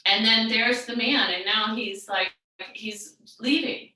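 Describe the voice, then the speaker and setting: A middle-aged woman teaching a yoga class, telling a story in a rambling, chatty way and then guiding the class gently into a seated relaxation. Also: on the high side, steady tone, slow pace. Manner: rambling, chatty storytelling with many restarts and fillers. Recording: very echoey room, far from the mic.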